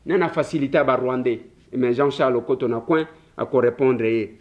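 A man's voice: mid-range voice, fairly quick, lo-fi sound. A man hosting a political talk show, chatting casually between French and Lingala, joking and repeating himself.

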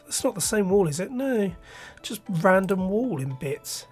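In an unhurried but very animated high voice, a let's play host casually thinks aloud through his game, with restarts along the way. A cold has stuffed up his nose, making him sound slightly nasal, and music plays in the background.

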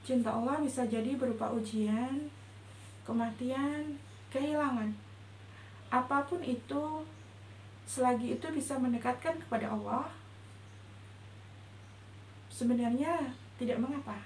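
A woman with a high voice gives a gentle, measured religious talk in a roomy indoor space. A faint hum sits under her voice, and the sound has some echo. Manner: gentle, reflective, measured delivery. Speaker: religious teacher. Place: indoor room before a patterned cloth backdrop.

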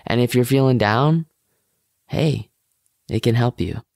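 A man's voice: mid-range voice, unhurried, gravelly, a little mellow, no echo. A young man hosting a podcast, asking questions in a friendly, casual way with fillers. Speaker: podcast host. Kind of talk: casual interviewing.

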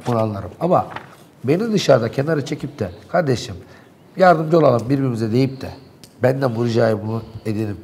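A man's voice: mid-range voice, a little mellow, slight background noise. A man in a local TV studio, animatedly and indignantly recounting events in heated talk.

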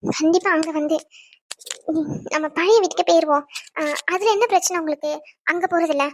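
A woman's voice: extremely high pitch, normal speed, no room sound, studio quality. A woman voicing a tearful, stubborn young wife in a cartoon drama, pleading and hurt.

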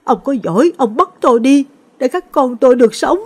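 A woman voicing a grief-stricken old village grandmother over sixty, wailing in a shrill lament. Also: animated, fairly quick.

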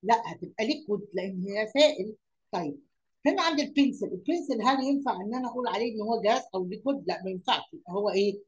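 A woman's voice: medium pitch, animated, racing, a little hiss or hum, low-quality recording. A woman with an Egyptian Arabic accent teaching young pupils. She repeats words, asks questions aloud and mixes English lesson words into her Arabic explanations.

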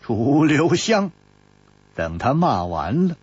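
Casting: male traditional storyteller, husky, very animated pitch, wry asides, dull lo-fi sound. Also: slow pace. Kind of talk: traditional Chinese storytelling narration. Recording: dull lo-fi audiobook recording.

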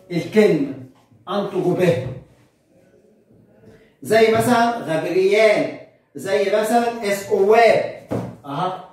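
A high-pitched Egyptian man teaches beginners, posing questions and answering them himself. He sounds far from the mic, and his voice rings through a very echoey room. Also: darkish tone. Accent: Egyptian Arabic. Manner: spells words out slowly, syllable by syllable. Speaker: monk priest teaching Coptic. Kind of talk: beginner language lesson.

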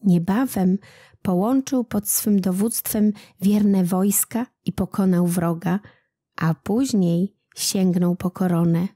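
A woman narrating a storybook legend in a calm, unhurried reading voice. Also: mid-range voice, dry recording, studio quality. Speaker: audiobook narrator.

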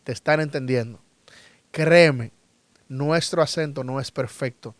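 A man whose first language is Spanish, teaching a lesson and repeating each word slowly and firmly for his students. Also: medium pitch, no room sound. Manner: repeats words slowly and emphatically for learners. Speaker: English teacher. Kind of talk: slow, drilled language lesson.

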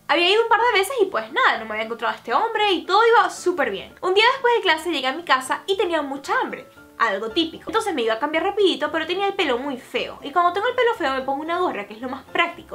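A young adult woman telling a personal story to her viewers in a vlog, talking quickly and filling her sentences with little connecting fillers. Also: high voice, sharp tone. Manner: fast storytelling with many fillers. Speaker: YouTuber.

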